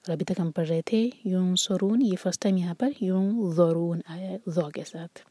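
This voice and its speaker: A woman teaching tajweed, reciting words slowly and drawn out, then explaining the rules in a soft, often whispery voice. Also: on the low side, slightly rough, no room sound. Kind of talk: tajweed lesson, slow demonstrations then explanation.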